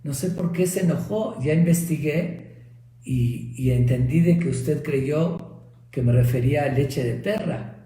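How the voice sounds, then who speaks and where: A man's voice: a little high, measured pace, dark tone, close to an everyday voice. Man as a humble commoner, pleading, explaining, echoey room. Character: humble brave man pleading before a king.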